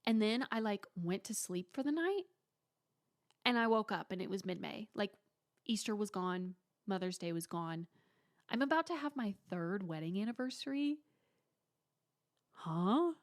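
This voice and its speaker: A woman's voice: medium pitch, expressive, unhurried, long pauses. A woman in her twenties hosting her own podcast, chatting casually and dramatically with playful asides and mock whispers. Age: 20s. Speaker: podcast host. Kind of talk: casual solo podcast chat.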